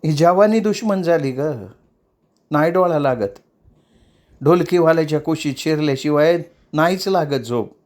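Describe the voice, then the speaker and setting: A man's voice: on the high side, measured pace, a little mellow, pitched above the performer's own voice, lightly acted. A man voicing a lovesick, tearful young tamasha dancer, pleading in rural dialect.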